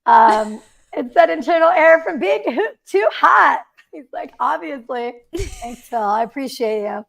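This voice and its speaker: A woman's voice: high-pitched, expressive, unhurried, vocal fry. A young woman hosting a casual livestream chat, rambling and giggly with lots of fillers. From Mexico City, raised in the Bay Area. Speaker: podcast host.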